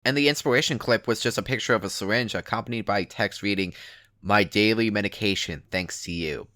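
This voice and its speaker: A man's voice: lowish voice, a little fast, bright, forceful tone, dry recording, studio quality. A man giving a dramatic reading of an online story in a casual, sweary, emphatic first-person way. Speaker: narrator reading a written forum post aloud.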